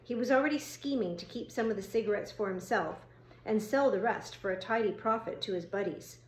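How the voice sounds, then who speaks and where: Lady reading a novel aloud, calm steady storytelling, mid pitch, bit of room echo. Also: a little fast. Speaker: audiobook narrator. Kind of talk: scripted narration of a novel. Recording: roomy echo.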